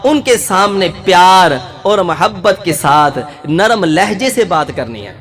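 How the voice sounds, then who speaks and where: A man preaching a sermon with fervor, building to shouted peaks. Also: sits high, animated. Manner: impassioned, rising to shouted peaks. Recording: echoey hall reverb.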